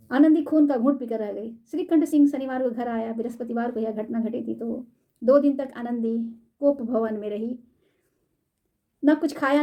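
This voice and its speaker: Mellow-voiced woman storyteller. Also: on the high side. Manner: measured and formal. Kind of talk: reading a classic short story aloud.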